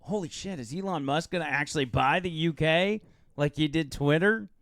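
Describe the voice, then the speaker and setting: A man's voice: on the high side, moderate pace, fairly bright tone, no echo. Joking man in dry studio. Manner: joking, laughs often. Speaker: radio show co-host. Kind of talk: casual studio banter. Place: radio studio. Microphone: studio microphone.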